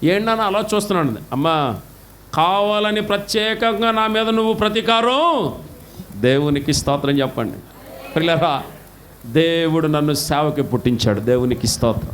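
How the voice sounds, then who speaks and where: A middle-aged pastor from India preaching a sermon with passion, his voice swinging from loud highs to low drops. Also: expressive, normal speed, slight background noise.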